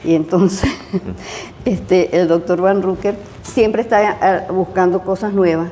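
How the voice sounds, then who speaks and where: Older Venezuelan woman, mellow and hesitant. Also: lowish voice, steady tone, slow pace, slight background noise. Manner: hesitant, many fillers and restarts. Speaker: retired chemistry professor. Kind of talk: interview, casual recollection.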